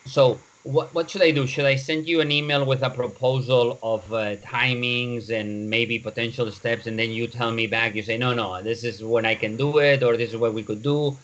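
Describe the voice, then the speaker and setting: A man's voice: mid-range voice, fairly even intonation, normal speed, hardly any pauses, a bit bright. Chatty man from Barcelona, dull audio. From Barcelona, Spain. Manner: chatty, repeats himself. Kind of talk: casual video call discussion.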